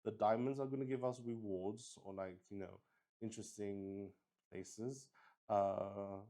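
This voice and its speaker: Improvising as game master for a solo tabletop roleplay, a man with a fairly low, mellow voice keeps a steady tone. He's unhurried and hesitant, pausing frequently as he thinks aloud and works things out.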